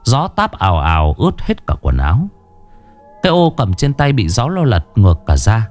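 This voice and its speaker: Expressive male storyteller, faint music. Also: fairly low pitch, moderate pace. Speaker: narrator. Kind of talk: horror story narration.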